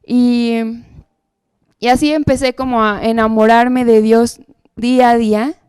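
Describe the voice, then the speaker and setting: A woman's voice: on the high side, steady tone, unhurried, darkish tone, smooth, no echo. A woman giving a personal testimony at church, telling her story earnestly and often checking in with the audience. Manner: earnest storytelling with frequent tag questions.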